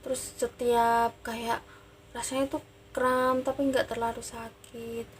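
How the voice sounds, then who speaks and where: A woman's voice: on the high side, little pitch movement, takes it slowly, slight background noise. A woman vlogger telling a personal story into a phone mic in an emotional, sorrowful way, often addressing her viewers as guys. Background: background music.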